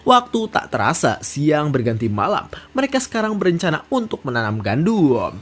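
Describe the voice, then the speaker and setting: A narrator retelling a manhwa story in a scripted read. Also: moderate pace. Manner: steady storytelling read with lively pitch.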